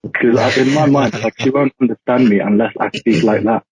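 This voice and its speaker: A law graduate in his twenties, raised in India, calls in remotely as a podcast guest and rambles casually, leaning heavily on "like." His mid-range voice is a little mellow and slightly rough, with fairly even intonation and a slightly quick pace. The call audio sounds tinny and phone-like.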